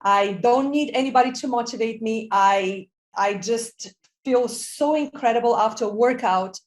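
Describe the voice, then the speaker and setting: A woman's voice: fairly high pitch, moderate pace. Upbeat woman guest from Bulgaria. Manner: upbeat, enthusiastic. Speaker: podcast guest, Pilates instructor. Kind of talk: casual interview talk.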